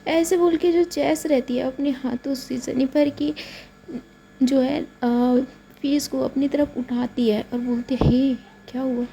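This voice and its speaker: A woman's voice: high voice, fairly even intonation, unhurried, creaky, dark tone, a little hiss or hum, rough recording. A woman with an Indian accent casually narrating a romance story, repeating fillers as she goes. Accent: Hindi-speaking Indian. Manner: repetitive, filler-laden retelling.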